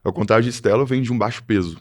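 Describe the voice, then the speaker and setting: A man's voice: on the low side, rapid-fire. A man, a podcast guest telling his story in casual chat, hesitant with many fillers and restarts. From Minas Gerais, Brazil.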